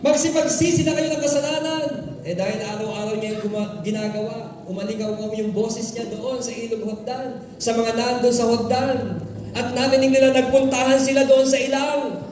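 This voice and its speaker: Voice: mid-range voice, monotone, moderate pace, a little mellow, slight background noise. A preacher from the Philippines delivering a sermon in a church, calling out to the congregation and mixing in English phrases. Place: large church hall. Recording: echoey hall, far from mic, with music.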